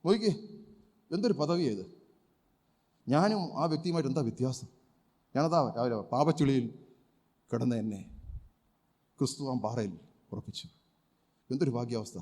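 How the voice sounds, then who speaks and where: A male pastor preaching a sermon emphatically, firing rhetorical questions and breaking into loud cries of praise. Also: medium pitch, moderate pace, pauses often. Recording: long hall reverb.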